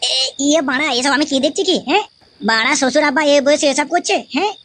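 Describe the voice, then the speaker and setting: A woman's voice: high-pitched, animated, fast talker, a bit bright. A woman voicing a hot-tempered young son-in-law in a comic skit, grumbling and swearing.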